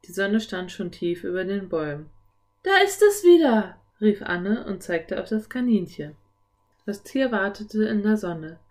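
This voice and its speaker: A woman's voice: mid-range voice, measured pace, a little mellow. Woman narrating a children's audiobook.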